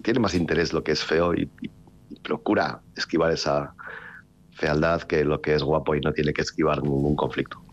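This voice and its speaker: Very deep-voiced wry man. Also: steady tone, moderate pace, dull audio. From Basque Country, Spain. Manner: rambling, restarts often, wry and ironic. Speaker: novelist being interviewed. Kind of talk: casual interview talk.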